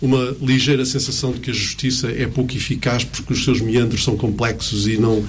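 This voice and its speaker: Middle-aged man, European Portuguese accent, teacher in discussion, medium pitch, halting repetitive phrasing, background noise. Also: level tone. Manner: hesitant, searching for words, emphatic repetition. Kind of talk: conversational explanation. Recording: clear background room noise.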